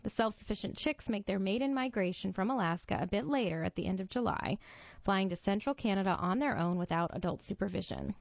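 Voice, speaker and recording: A woman reading a scripted nature article aloud in a measured, nature documentary manner, as a narrator for a reading service. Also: medium pitch, expressive, gravelly, dry recording. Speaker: volunteer-style magazine reader for a radio reading service. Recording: dull, lo-fi, dry close recording.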